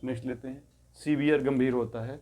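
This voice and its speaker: A man tutoring English grammar in a step-by-step lesson. He is patient and repeats each word form slowly, explaining in Hindi and saying the English forms aloud. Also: mid-range voice, fairly even intonation, warm tone.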